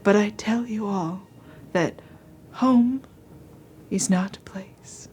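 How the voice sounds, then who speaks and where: A woman's voice: medium pitch, slow, mellow. A woman voicing a dreamy, distant frost spirit. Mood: dreamy, solemn. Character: ethereal female frost spirit, distant and calm. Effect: dreamy, distant, otherworldly voice. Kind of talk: game master voicing a figure in a tabletop game.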